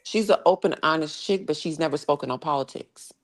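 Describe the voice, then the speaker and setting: A woman with a very low voice co-hosts a casual gossip livestream. She presses her points with emphasis and says them twice over. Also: brisk. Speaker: co-host.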